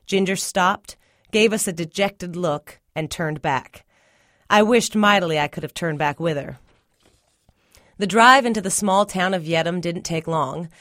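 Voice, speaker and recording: A woman with a lowish voice reads a first-person literary short story aloud as scripted narration. The recording is studio quality with no echo.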